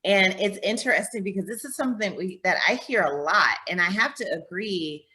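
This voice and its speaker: A woman's voice: medium pitch, expressive, fairly quick, sharp tone. A woman in her thirties from the United States, a guest in a casual interview over a video call, speaking reflectively and repeating herself for emphasis. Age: 30s.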